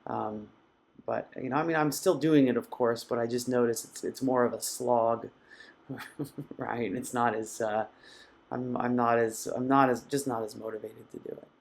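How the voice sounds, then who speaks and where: A man hosting a live mindfulness session, speaking in a reflective, halting way as he reads out viewers' comments. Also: medium pitch, steady tone, vocal fry. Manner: reflective, soft-spoken and halting. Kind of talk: casual live-stream talk reading viewer comments.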